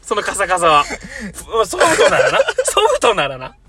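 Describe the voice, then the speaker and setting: A young man in his twenties with a Kansai accent, co-hosting a comedy talk show with loud comebacks and frequent laughter. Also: high voice, huge pitch swings. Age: 20s. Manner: loud retorts, quick to laugh. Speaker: comedy podcast co-host. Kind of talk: casual comedic banter. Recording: noticeable background noise with clicks.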